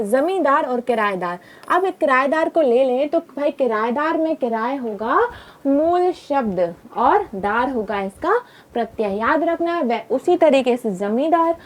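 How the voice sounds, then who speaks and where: A young woman teaching a grammar lesson, repeating examples and quizzing the viewer with reminders. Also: sits high. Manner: repetitive, drilling with reminders and quiz questions.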